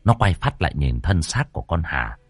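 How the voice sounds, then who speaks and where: A man's voice: extremely low pitch, sing-song, fairly quick, slightly rough. A man reading a ghost story aloud with a dramatic, swooping delivery.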